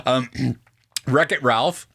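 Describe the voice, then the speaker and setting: A man's voice: medium pitch, slow pace, a bit bright, slightly rough. A man co-hosting a podcast in casual chat, laid-back and chuckling often. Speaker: podcast co-host.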